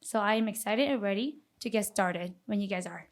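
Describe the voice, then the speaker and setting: A woman's voice: mid-range voice, a little fast. A woman speaking as a pageant contestant, giving formal, earnest answers in an interview round and politely thanking the questioner. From Minneapolis, Minnesota.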